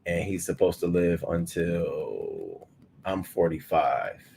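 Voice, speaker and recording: A man in his thirties hosting a livestream morning show, chatting loosely with profanity and sudden loud bursts into a webcam mic. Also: low-pitched, slow, vocal fry, a little hiss or hum. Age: 30s. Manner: loose, profane and animated, often bursting louder. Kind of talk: casual livestream chat.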